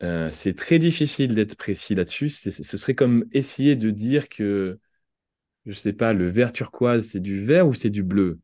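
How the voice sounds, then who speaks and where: A French man with a low, mellow voice explains pronunciation ideas in an unhurried conversational way, often restarting a phrase as he thinks. The sound is close and dry, with no room around it. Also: expressive, no room sound. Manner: thoughtful, explains with examples and restarts. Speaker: podcast guest, language entrepreneur. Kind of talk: conversational interview.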